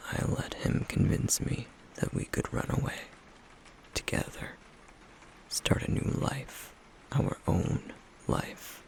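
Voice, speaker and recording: Bitterness colors this take, where a man acts as a stoic flame demon, wounded and guarded, in an intimate ASMR roleplay. He speaks low in a gravelly, breathy near-whisper with a faint hiss or hum, slow and brooding yet wryly teasing, heavily acted and recorded with poor audio.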